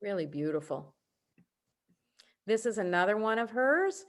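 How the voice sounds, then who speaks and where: A middle-aged woman printmaker giving a virtual presentation over a video call, explaining prints with warm enthusiasm and casual asides. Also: mid-range voice, big pitch swings, a little slow. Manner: informal asides and self-corrections. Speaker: printmaker presenting artists' work.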